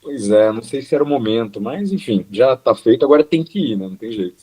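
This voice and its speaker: Man, husky voice, laid-back, short replies, radio guest. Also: mid-range voice, expressive, fast, mellow, rough recording. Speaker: guest co-host. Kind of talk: casual radio chat. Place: radio studio.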